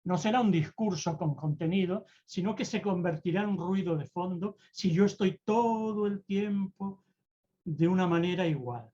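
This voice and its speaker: Over a video call, a presentation-skills mentor talks about public speaking in a mid-range voice with a dark tone. His delivery is theatrical, deliberately shifting tone and pace. The audio sounds slightly dull and lo-fi.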